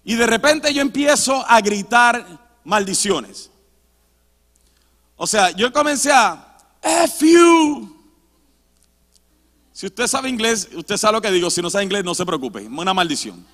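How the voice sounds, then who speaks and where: High-voiced man preaching in a reverberant church. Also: lively intonation, a little slow. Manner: emphatic preaching, swinging from loud to hushed. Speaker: pastor. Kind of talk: sermon with personal testimony. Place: church sanctuary.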